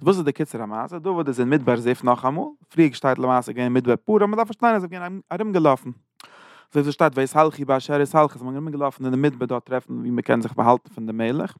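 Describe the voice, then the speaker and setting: A man giving an informal Bible lesson, retelling the story in loose, halting phrases. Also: mid-range voice, no echo, studio quality. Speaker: Bible teacher.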